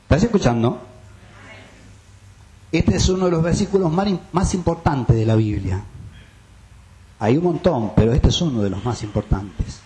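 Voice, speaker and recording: Emphatic preacher, fairly high voice. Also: male voice, lively intonation, moderate pace, pauses often, mellow, slight background noise. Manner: emphatic, addresses listeners with rhetorical questions. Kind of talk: sermon.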